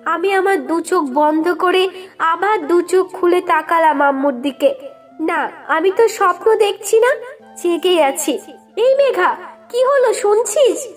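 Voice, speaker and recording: A woman's voice: very high voice, unhurried. A woman reading a first-person story aloud with emotive, dramatic narration. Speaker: story reader. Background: faint background music.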